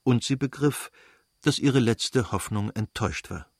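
A man narrating a classic novel aloud in a measured, even manner. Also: mid-range voice, slightly rough, no room sound, studio quality. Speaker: audiobook narrator. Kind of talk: scripted literary narration.

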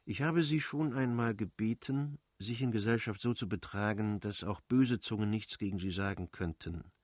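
Stiff formal husband for an audiobook, low, dry, measured, read by a man. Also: no echo, close to an everyday voice.

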